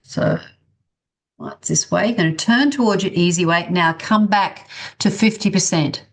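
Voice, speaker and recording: Lower-voiced woman leading a gentle exercise class. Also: unhurried. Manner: encouraging, checking on participants. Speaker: workshop instructor in bodywork. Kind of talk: guided exercise instruction, informal and conversational. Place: online video-call class.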